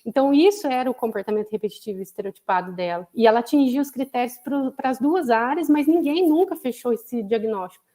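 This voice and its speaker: A woman's voice: fairly high pitch, expressive, fast talker, mellow. A woman psychologist with a Brazilian accent giving a conversational lecture, explaining patiently and often adding "né?" as a tag. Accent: Brazilian Portuguese. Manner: explanatory, frequent "né?" tags. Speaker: psychologist, guest speaker. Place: online live broadcast.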